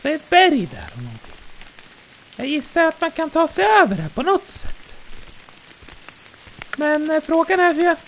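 Casting note: cozy, easily delighted cartoonish bear voiced by a player, very high squeaky voice with bouncy, lively intonation, let's play commentary. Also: pauses often, slight background noise, exaggerated voice. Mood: cheerful. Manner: chirpy, narrates own actions in "we".

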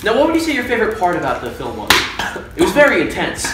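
A young man with a slightly high voice hosts a parody talk show, deadpan and mock-formal. He sounds distant in a roomy, echoing space with steady noise behind. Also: quick pace.

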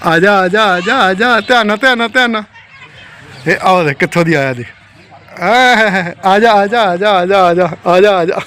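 A man's voice: sits high, a little slow, pushed and bright, slight background noise. A man with a Punjabi accent filming a casual family vlog, playfully calling out to his kids and pets. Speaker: family vlogger, father.

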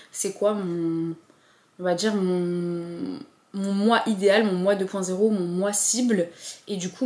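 Woman vlogger, mid-pitched voice, encouraging casual talk to camera, roomy echo on the recording. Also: a little mellow. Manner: chatty and encouraging, with frequent fillers. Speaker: lifestyle vlogger. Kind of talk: casual motivational chat to camera.

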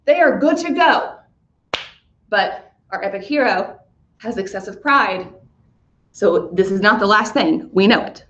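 A woman's voice: mid-range voice, lively intonation, unhurried, pauses often, fairly bright tone. A woman teacher casually explaining a story to her class, chatty with many fillers, in an echoey, muffled recording. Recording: echoey room, muffled sound.

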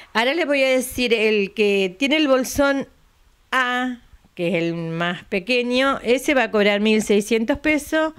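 The president of a retirees' center, an older woman with an Argentine Spanish accent, is interviewed for local TV in her living room, the interviewer holding a handheld mic. Chatty, she goes back over dates patiently and tacks a questioning aside onto her lines. She speaks at a fairly high pitch, clear and resonant.

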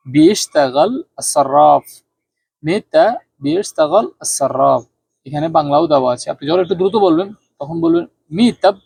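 A man from Bangladesh teaching spoken Arabic phrases in a casual lesson, repeating each phrase slowly and then explaining it quickly. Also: on the high side, vocal fry, a little mellow, breathy edge, no echo.

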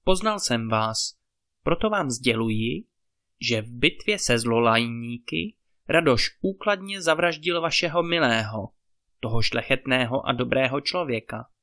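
A brave, honest boy who warns and explains in earnest, as a male storyteller reads him. The voice stays close to the reader's own, bright and clear. Told as a spoken fairy tale. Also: medium pitch.

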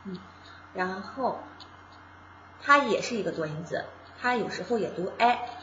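A woman teaches beginners in a casual, patient way, taking each step slowly and repeating sounds aloud. Her voice is bright and forward. The recording sounds roomy and a little dull. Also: mid-range voice, expressive, slight background noise. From China. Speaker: Japanese language teacher.

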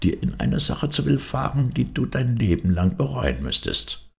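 A man voicing a stern old dervish, gravelly. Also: medium pitch, sing-song, normal speed, pushed and bright, voice pushed up, heavily acted. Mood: earnest warning. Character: stern, solemn male dervish, wise and unyielding. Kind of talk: audiobook fairy-tale reading.

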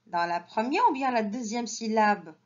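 A woman teaching an early reading lesson to children, repeating each word slowly and breaking it into syllables. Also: a little high, animated. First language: Arabic. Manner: slow, syllable-by-syllable modelling with repeated words. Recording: dull lo-fi sound.

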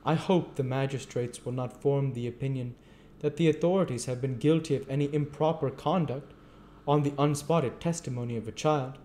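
A man's voice: mid-range voice, normal speed, mellow, voice pushed up, natural voice. A man voicing a nervous, stammering male official defending himself, from an audiobook reading. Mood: defensive.

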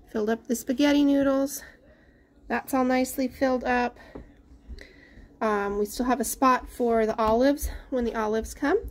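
With a handheld camera at chest height, a young mother of a large family chats through a casual grocery haul in her dining room and pantry. Her female voice is slightly high, and her talk wanders as she loses words and trails off.

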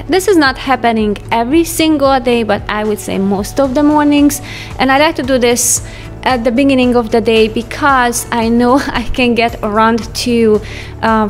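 Woman narrating her home routine, highish voice, soft music behind. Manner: chatty, light laughs, non-native phrasing. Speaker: home vlogger. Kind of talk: casual voice-over narration. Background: soft background music.

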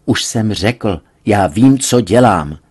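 A hot-tempered middle-aged father bellows and blusters, his voice jumping high and loud with indignation, as a male reader acts him out. He sounds overprotective and fuming, straight from a storybook reading. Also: expressive, breathy edge. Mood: stern.

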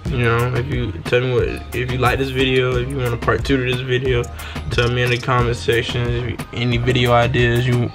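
A young man hosting a vlog, talking casually in a slangy, drawn-out way from a room at home, close to his camera. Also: medium pitch, completely flat delivery, over music. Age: young adult. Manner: laid-back, slangy, drawn-out talk. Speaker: YouTube host. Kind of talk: casual street interviews and vlog outro.

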